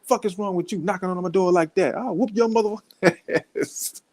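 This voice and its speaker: A man voicing an angry, foul-mouthed woman neighbor who cusses someone out loudly. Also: high voice, rapid-fire, pitched above the performer's own voice, close to an everyday voice. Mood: furious. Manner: cussing, loud and outraged.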